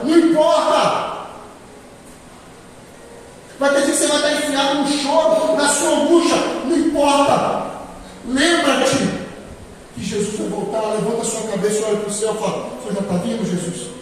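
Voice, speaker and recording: High-voiced preacher in an echoey hall. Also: male voice, recorded from a distance, a little hiss or hum. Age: 40s. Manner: emphatic preaching, swings from quiet to loud. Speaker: pastor. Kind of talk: sermon.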